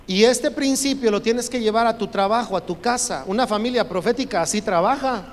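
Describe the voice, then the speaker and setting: A man's voice: high voice, fairly quick. A man preaching a sermon as pastor, emphatic and urging the congregation to repeat his phrases. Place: church sanctuary. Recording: long reverb from a church hall, faint noise.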